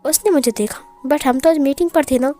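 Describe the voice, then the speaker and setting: Woman reading a young male mafia boss, hot-tempered, angry demanding questions, high voice, dark mellow tone. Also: moderate pace, soft background music, lightly acted.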